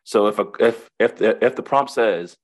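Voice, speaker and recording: In a casual webinar conversation, a man with a fairly low voice speaks at a normal pace as a counselor and guest. He sounds thoughtful and reflective, often restarting and repeating himself.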